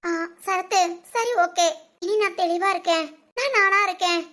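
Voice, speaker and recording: A woman doing a squeaky, weepy teenage girl. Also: moderate pace, bright, forceful tone. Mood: tearful, anxious. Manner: tearful, hesitant, stammering. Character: anxious teenage girl, confused by love. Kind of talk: cartoon voice acting.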